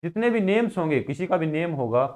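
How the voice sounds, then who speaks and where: A man's voice: fairly high pitch, animated, brisk, darkish tone. A man with a Haryanvi Hindi accent teaching a school class, asking questions and then answering them himself. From India. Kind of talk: classroom grammar lesson.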